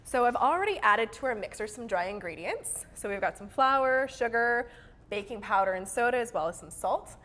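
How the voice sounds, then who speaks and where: A woman's voice: fairly high pitch, lively intonation, moderate pace, fairly bright tone. A woman demonstrating a recipe on a cooking show, upbeat and explanatory, laughing easily. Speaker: dairy expert demonstrating recipes.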